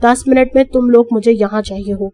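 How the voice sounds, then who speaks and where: A woman's voice: on the high side, fairly even intonation, dark tone, no echo, close to an everyday voice. A stern young police officer who snaps out curt commands, read by a woman narrator. His words come clipped and hard. The recording is dry and close. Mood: commanding.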